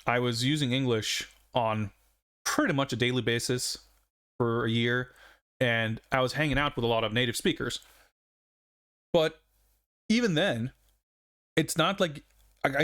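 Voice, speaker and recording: In casual live-stream chat over a game, a native Swedish speaker from Sweden in his forties rambles reflectively and chuckles frequently. He has a mid-range voice that is a bit bright.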